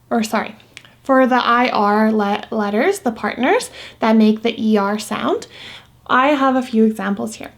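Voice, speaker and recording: A woman teacher giving a recorded phonics lesson to young students, patiently repeating example words slowly. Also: a little high.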